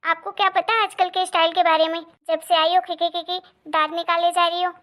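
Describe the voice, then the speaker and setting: A woman voicing a bossy, quick-tempered sister-in-law in a cartoon story, sharp and scolding. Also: very high-pitched, steady tone. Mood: angry.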